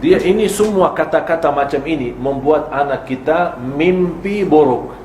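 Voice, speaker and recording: Male preacher, fairly high voice, teaching style with rhetorical questions; echoey room, faint background noise. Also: expressive, normal speed, darkish tone. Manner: explains with rhetorical questions and acted examples. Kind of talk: religious lecture on parenting.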